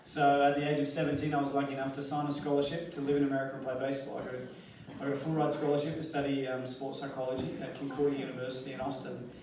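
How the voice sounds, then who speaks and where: A man's voice: mid-range voice, level tone, rapid-fire, hardly any pauses, a little mellow. An Australian man giving a motivational speech, telling his life story earnestly with bits of humor. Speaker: motivational speaker. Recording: echoey hall, distant mic, noisy.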